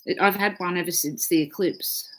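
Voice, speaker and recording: A woman's voice: on the low side, moderate pace, a bit bright, a little hiss or hum. A woman astrologer hosting a casual live stream, chatting freely, swearing often and reading out viewer comments.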